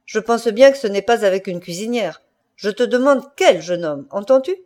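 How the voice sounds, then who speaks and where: A woman's voice: medium pitch, expressive, unhurried, mellow, lightly acted. A woman doing a badgering jealous husband. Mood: furious. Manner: insistent, badgering, stammering when shaken. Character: jealous middle-aged husband, prying then furious.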